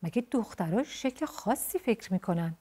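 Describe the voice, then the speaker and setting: A woman voicing a gentle, shy and polite young boy in a storybook tale. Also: mid-range voice, lively intonation, slightly rough. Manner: soft-spoken and polite.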